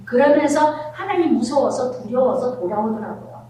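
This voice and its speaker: A middle-aged woman pastor preaching a sermon, telling family stories with animated, acted-out scenes. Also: high-pitched, moderate pace, a little hiss or hum. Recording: very echoey hall, voice from far off.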